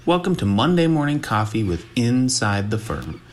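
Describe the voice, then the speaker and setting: A man reading a scripted podcast introduction in a friendly, smooth way. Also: medium pitch, very animated, normal speed. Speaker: show announcer.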